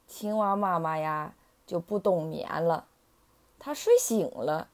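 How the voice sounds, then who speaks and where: A woman telling a children's story in a lively, singsong manner. Her pitch swoops widely while her pace stays slow and deliberate.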